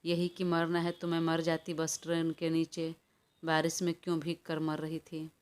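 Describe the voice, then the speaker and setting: A woman's voice: sits low, completely flat delivery, normal speed, smooth, natural voice. A woman reading an audio story, voicing a weary, irritated young man who talks in an exasperated way. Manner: exasperated, pleading for rest. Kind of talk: audiobook character voice.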